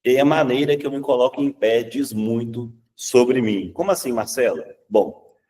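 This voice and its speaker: A man with a Brazilian Portuguese accent teaching public speaking in a lively, conversational way, often checking in with "tá?" and acting out examples. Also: medium pitch, moderate pace, far from the mic. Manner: acts out examples in changed voices.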